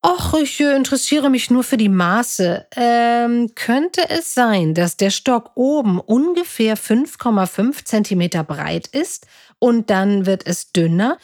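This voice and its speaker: A woman voicing an eager young girl detective who talks with quick, urgent exclamations. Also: fairly high pitch, sing-song, no echo, clean studio sound, voice pushed up. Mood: hesitant.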